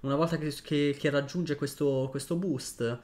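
A man's voice: fairly high pitch, fairly even intonation, moderate pace, a little mellow. Joking Italian-speaking male streamer. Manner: joking, filler-heavy explaining. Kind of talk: casual gaming stream chat.

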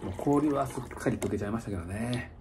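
Low-voiced, slightly tipsy Kansai man, rambling. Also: fast. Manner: rambling, chuckling, conversational asides. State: slightly tipsy after an hour of drinking. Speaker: motorcycle touring vlogger. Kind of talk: casual livestream-style chat to viewers. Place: small indoor lodging room. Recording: noticeable background room noise.

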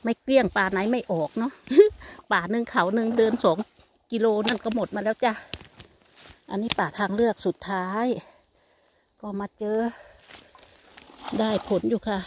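A woman's voice: on the high side, fairly even intonation, normal speed, pauses often. An older woman with an Isan Thai accent chats casually to viewers while picking berries in a forest, calling them family. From Thailand. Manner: chatty, addresses viewers as family. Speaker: vlogger. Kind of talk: casual chat while foraging. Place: outdoors in a forest. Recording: faint outdoor noise.

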